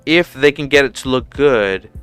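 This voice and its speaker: A man's voice: medium pitch, moderate pace, a bit bright, smooth. A man in his thirties from Puerto Rico, hosting a casual livestream, chatting informally with lots of fillers and restarts into a headset mic. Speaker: livestream host. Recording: music playing faintly underneath.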